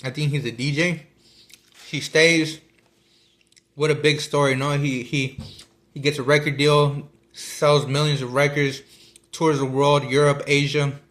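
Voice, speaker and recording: A man's voice: on the high side, little pitch movement, measured pace, pauses often, fairly bright tone. A man talking casually about a book he is reading, rambling with many fillers and restarts while he eats. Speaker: vlogger discussing a book. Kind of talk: casual chat.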